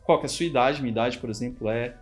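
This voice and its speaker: Racing along in a mid-range voice over quiet background music, a Brazilian Portuguese-accented man walks viewers through code. His screen-recorded tutorial is casual and conversational, and he keeps checking in with whoever's watching.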